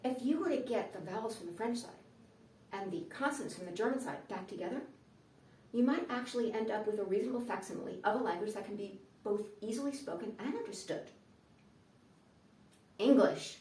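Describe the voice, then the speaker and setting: A woman's voice: medium pitch, a little fast, warm tone. An American woman doing a stand-up comedy monologue with a dry, sardonic delivery and playful asides. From United States. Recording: echoey room, voice from far off mic.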